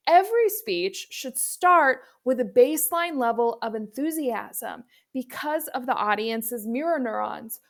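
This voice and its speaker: A woman's voice: a little high, fairly bright tone. A woman presenting as a speaking coach, giving instructive video commentary addressed directly to the viewer.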